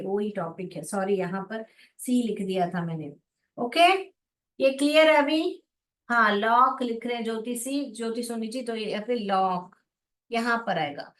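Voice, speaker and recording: Woman, phonics teacher, unhurried and repetitive, echoey room, distant from mic. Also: on the high side, a bit bright. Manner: slow, repetitive, coaxing, calls students beta. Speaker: online English phonics teacher. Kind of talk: live class explanation to students.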